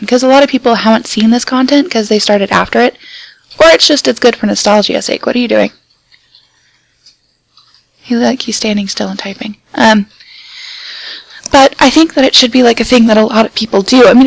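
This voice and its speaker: A woman's voice: fairly high pitch, gravelly, no room sound, poor audio. A woman casually chatting and commenting on a game she is playing with a friend, playful and self-mocking. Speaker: gaming channel co-host.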